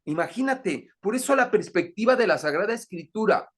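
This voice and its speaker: A man's voice: high voice, lively intonation, brisk, a bit bright. A man teaching an introductory Bible class, explaining patiently and often checking that the listener is following. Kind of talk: catechism lesson.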